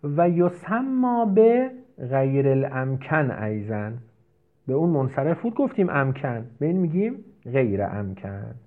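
A man giving a grammar lesson, working through examples step by step and throwing out questions he answers himself. His pitch rises and falls a lot as he talks. The sound is thin and tinny, like a phone line. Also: big pitch swings. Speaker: Arabic grammar teacher.

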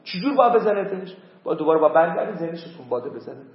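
High-voiced man teaching in echoey room. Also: very animated. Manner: emphatic, drills words by repeating them. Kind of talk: classroom philosophy lecture. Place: classroom. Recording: echoey, dull lo-fi room recording.

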